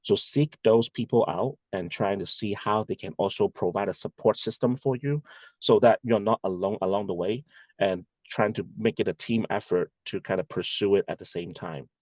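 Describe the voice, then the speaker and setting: A man's voice: fairly low pitch, normal speed, a little mellow, dry recording, lo-fi sound. A man, giving earnest, rambling answers as an interview guest over a video call. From Hong Kong. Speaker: guest, bank executive. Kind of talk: casual interview talk.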